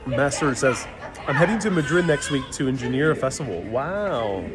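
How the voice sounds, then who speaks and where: This New York City travel streamer has a mid-pitched, expressive voice at a moderate pace, and the rough recording has music behind it. He reads viewers' comments aloud in a laid-back live Q&A and answers with easy humor, his phone mic catching the crowd chatter all around.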